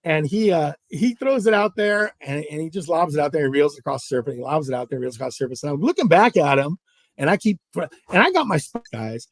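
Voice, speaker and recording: A man from Southern California, a guest angler, telling a fishing story in an animated way, with many restarts and asides. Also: on the high side, brisk, no echo, studio quality.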